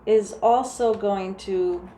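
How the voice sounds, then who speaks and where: A woman with a New Jersey accent doing a casual tarot reading, talking softly and meandering through restarts. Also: mid-range voice, steady tone, takes it slowly. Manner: soft, meandering, full of restarts and "like". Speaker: tarot reader. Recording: echoey room with faint ambient noise.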